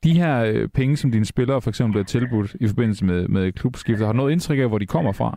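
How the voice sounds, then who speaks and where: A male radio host with a gravelly, slightly creaky voice. He sounds dry and close to the mic, and his questions come in a halting way, full of small fillers. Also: mid-range voice, mellow, no echo. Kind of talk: radio talk show hosting.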